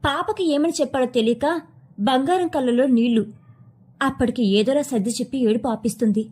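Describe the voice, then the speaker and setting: High-voiced woman reading a story. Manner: measured, expressive reading. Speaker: narrator. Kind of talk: scripted story narration.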